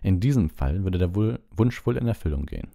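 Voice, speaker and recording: A man reading a storybook aloud as an audiobook, in a calm, measured storytelling manner with small slips. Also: sits low, vocal fry. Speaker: audiobook reader.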